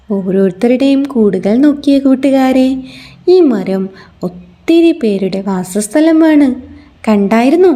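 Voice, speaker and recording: A woman teacher telling a story to young children in an animated way, often asking them questions. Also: sits high. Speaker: primary school teacher.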